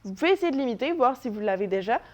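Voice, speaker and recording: A woman's voice: fairly high pitch, animated, very fast, a little mellow. A young woman teaching a children's voice lesson, encouraging and demonstrating vocal exercises. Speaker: drama teacher. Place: living room at home.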